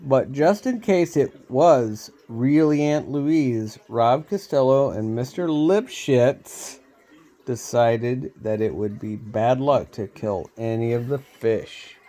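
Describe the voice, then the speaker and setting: A man reading a storybook aloud, unhurried, with small slips he laughs off. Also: medium pitch, dark tone.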